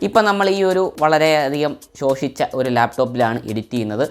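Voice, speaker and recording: A man's voice: mid-range voice, animated, brisk, clean tone. A man narrating a tech tutorial in a casual, chatty, informal way. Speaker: tech vlogger. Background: background music.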